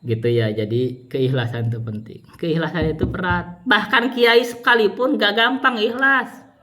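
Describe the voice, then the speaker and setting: A man from West Java with a Sundanese accent, teaching religion in a casual, rambling way, jumping from high exclaims to low mutters. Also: normal speed, bright, forceful tone. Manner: rambling, repetitive, pitch swings between high outbursts and low mutters. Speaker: Islamic teacher.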